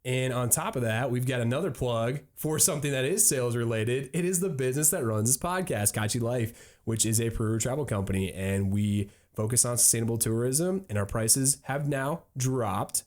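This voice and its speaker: A man's voice: medium pitch, moderate pace, few pauses, a little mellow. A man hosting a travel podcast in a casual, upbeat, joking tone. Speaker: podcast host.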